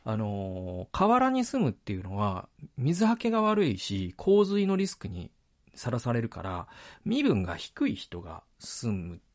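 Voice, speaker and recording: A man's voice: medium pitch, huge pitch swings, unhurried. A man hosting a solo podcast, talking reflectively into a microphone with frequent hesitations and self-corrections. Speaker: podcast host. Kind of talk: solo podcast monologue about a book. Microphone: speaking into a microphone.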